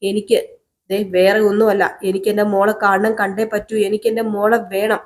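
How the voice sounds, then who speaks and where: A woman's voice: medium pitch, flat delivery, fairly quick, natural voice. A woman voicing an angry grown man, a father who insistently demands to see his daughter, in a serial recap. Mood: demanding. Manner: shouting, insistent, repeating demands.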